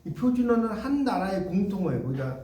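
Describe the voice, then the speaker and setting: Dictating notes to his class, a middle-aged teacher repeats key phrases and checks whether students keep up. His high-pitched voice is warm, very animated, and brisk. The mic sits far from him in an echoey room, with a little hiss or hum.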